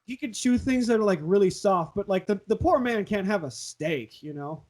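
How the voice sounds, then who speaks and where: A man with a Southern California accent chats casually on a podcast, using slang in a laid-back way over a noisy background. His voice sits high and is expressive, at a moderate pace; he's the host and an aspiring voice actor.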